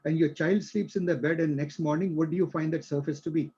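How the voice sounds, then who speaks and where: A man teaches a live class, talking through ideas with homely examples and tag questions to check understanding. His voice sits a bit high, with a mellow, husky tone. The audio is dull and lo-fi. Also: fairly even intonation, brisk. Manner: explains with everyday examples, frequent "right?" checks. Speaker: instructor.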